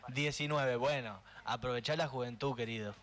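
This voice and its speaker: Speaking with an Argentine Spanish accent, this man in his twenties hosts a laid-back radio chat full of curious questions. His voice sits in the middle range, a bit bright, at a moderate pace, and his manner is friendly and easygoing.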